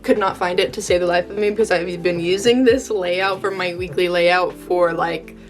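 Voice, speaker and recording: A woman's voice: lowish voice, fairly even intonation, normal speed. Valley girl-style young American woman, chatty vlogger. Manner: valley girl delivery, frequent "like" and "totally cute", gushing. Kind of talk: casual chatty vlog showing a journal. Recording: music behind the voice. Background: background music.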